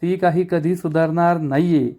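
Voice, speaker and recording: A man's voice: a little high, fairly even intonation, moderate pace, mellow, lightly acted. A man voicing a wary, stubborn young husband from a TV serial, dry and doubtful.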